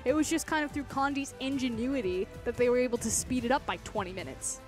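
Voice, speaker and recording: High-voiced woman analysing an esports match. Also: fast talker, faint music behind. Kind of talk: analytical game commentary.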